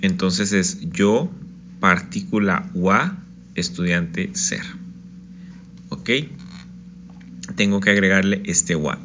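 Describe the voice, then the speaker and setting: Man teaching a language lesson, deep voice, unhurried, slightly muffled recording with faint hiss. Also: bright, forceful tone. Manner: patient, step-by-step explaining with frequent "ok?" check-ins. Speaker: Japanese teacher.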